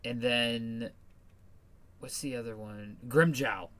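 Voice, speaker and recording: A man's voice: medium pitch, fairly even intonation, takes it slowly, fairly bright tone. A man hosting a casual podcast chat, laid-back and hesitant, with many fillers. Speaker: podcast host.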